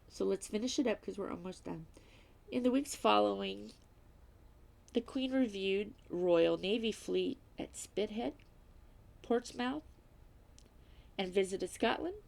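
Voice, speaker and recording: At home, a crafting vlogger works on a diamond painting while reading aloud and chatting self-deprecatingly. Her voice is a little high and creaky, slightly stuffy-nosed, and she often drops into soft whispers.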